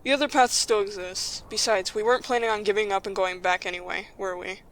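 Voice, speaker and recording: In an audio drama, a woman voices a young group leader who comes across as calm, practical and reassuring, and her delivery stays steady. Her pitch is medium and her pace brisk, sounding close to an everyday voice, though the recording is rough.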